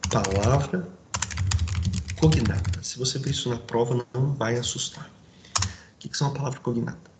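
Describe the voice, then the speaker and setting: Man teaching grammar in a roomy space. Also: medium pitch. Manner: explains step by step, checks in with quick asides. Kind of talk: classroom grammar lesson. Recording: roomy echo, faint background noise.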